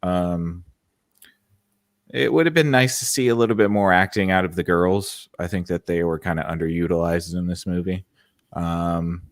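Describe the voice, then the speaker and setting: A man with a very low voice gives his take on a film in a casual podcast. He speaks hesitantly and fills his pauses with ums. The recording sounds dry and close. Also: dry recording. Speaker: podcast co-host. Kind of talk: casual movie review chat.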